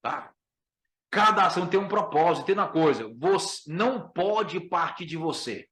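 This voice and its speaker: A man with a Brazilian Portuguese accent gives an emphatic Bible lesson as a pastor. His voice sits a little high and he repeats each key point to his listeners. The room is echoey. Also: animated, normal speed, a bit bright. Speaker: pastor teaching a class.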